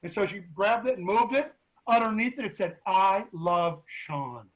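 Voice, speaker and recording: A middle-aged man speaking as a guest at a grief support meeting, telling a story to the group in a casual, animated way with many restarts. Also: high voice, a little fast, poor audio.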